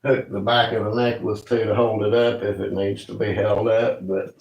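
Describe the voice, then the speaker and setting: A Northeast Tennessee man with a thick Appalachian accent hosts a livestream as a woodworking maker, chatting folksily with informal rural grammar. His fairly low, creaky voice barely moves in pitch at a moderate pace, and the lo-fi sound is roomy and echoey indoors.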